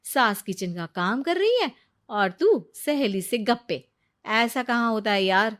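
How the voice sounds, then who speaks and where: A woman voicing a fed-up cartoon wife, high-pitched. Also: lively intonation, unhurried, fairly bright tone. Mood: complaining. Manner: complaining, theatrical. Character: fed-up young wife, complaining and dramatic. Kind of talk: cartoon voice acting.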